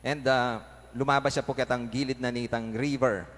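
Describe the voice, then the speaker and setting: A priest with a Kapampangan accent, reading Scripture and telling a story in a homily at a measured pace. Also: male voice, medium pitch, steady tone, a bit bright. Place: large church. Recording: echoey church with faint noise.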